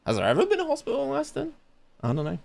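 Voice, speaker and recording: Chatty West Country English streamer. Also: male voice, very high-pitched, huge pitch swings, rapid-fire, creaky, darkish tone. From England. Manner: chatty, reacts aloud to the game and reads chat. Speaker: gaming streamer. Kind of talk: casual live-stream commentary. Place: home room in summer heat, fan running.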